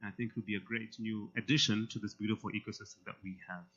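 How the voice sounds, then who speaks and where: A man emceeing a student pitch competition in a casual way, with many fillers between announcements. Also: flat delivery, very fast, pushed and bright, breathy edge. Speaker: event emcee. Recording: slightly muffled event audio.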